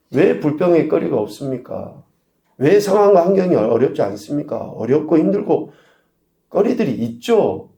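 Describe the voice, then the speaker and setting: A male pastor preaching a sermon, asking the congregation rhetorical questions and swinging between loud emphasis and quiet asides. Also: mid-range voice, gravelly, reverberant. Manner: preaching with rhetorical questions and sudden shifts in volume. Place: church sanctuary.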